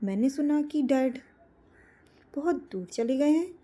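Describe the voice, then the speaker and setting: A woman voicing a gentle, worried little boy who talks in a sweet, pleading, childlike way. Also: sits high, animated, slow.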